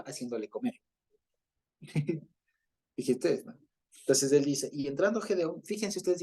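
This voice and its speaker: A man's voice: mid-range voice, mellow. A man teaching an online Bible class over a video call, explaining patiently, often checking in with listeners and chuckling as he goes.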